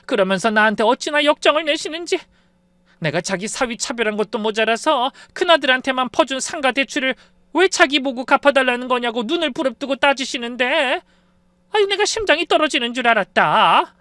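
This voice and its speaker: A man's voice: very high voice, lively intonation, a little fast, sharp tone, no echo, voice pushed up, exaggerated voice. A man voicing a flustered older mother-in-law who exclaims and sighs as she retells a fright, in a storybook reading. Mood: agitated.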